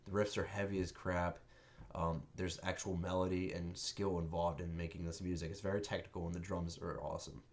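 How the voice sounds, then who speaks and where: A man's voice: low voice, level tone, brisk. A young man with a cold and a nasal voice, giving a blunt, offhand spoken album review.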